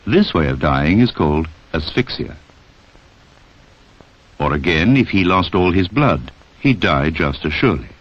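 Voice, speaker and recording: A slightly slow, sing-song delivery marks this deep-voiced man narrating a 1960s public information film. He reads a direct, scripted address to the listener, heard through a dull, band-limited film soundtrack from the 1960s.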